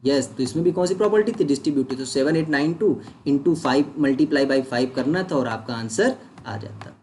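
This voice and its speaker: A man's voice: mid-range voice, expressive, moderate pace, a little mellow, a little hiss or hum. A man teaching a maths lesson online, working through sums step by step, asking questions and answering them himself, mixing English words into his talk. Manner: mixes English words into Hindi. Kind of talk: online doubt-solving lesson.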